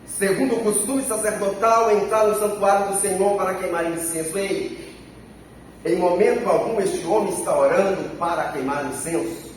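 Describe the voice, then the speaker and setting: High-voiced preacher in an echoey hall. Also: male voice, fairly even intonation, moderate pace. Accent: Brazilian Portuguese. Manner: emphatic, repeats phrases, acts out prayers. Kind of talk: sermon. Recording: echoey church from a distance, faint noise.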